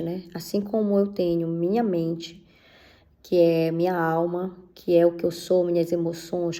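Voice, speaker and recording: A woman's voice: lowish voice, vocal fry, warm tone. A middle-aged woman sharing her personal faith testimony in a conversational way, often tagging on questions and speaking straight to her listeners. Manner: conversational, leans on tag questions and fillers; speaks directly to listeners as beloved ones.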